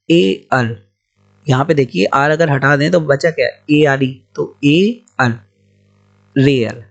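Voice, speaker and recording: Male tutor, gravelly slightly high voice, spells words out patiently, muffled lo-fi recording. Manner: spells words letter by letter, slow and explanatory. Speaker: English teacher. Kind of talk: spoken Hindi English-pronunciation lesson. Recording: dull lo-fi recording.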